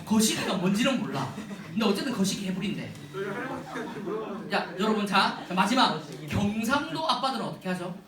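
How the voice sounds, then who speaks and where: A man giving a humorous storytelling sermon to a youth retreat, animated and often addressing the audience, in a large echoey hall from a distance. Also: sits high, moderate pace, long pauses, a crowd in the background.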